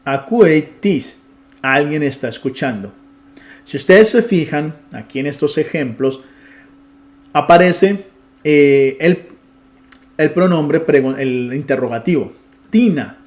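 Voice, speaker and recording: A man giving a Bible Greek lesson in Spanish, explaining patiently step by step and reading Greek words out slowly. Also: mid-range voice, a little mellow. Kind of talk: online language lesson.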